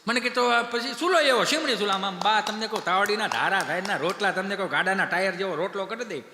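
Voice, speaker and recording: A man's voice: high voice, fast, bright, forceful tone, slight background noise. A man doing stand-up storytelling, acting out the voices of the people in his stories. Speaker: comedian. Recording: echoey hall with long reverb.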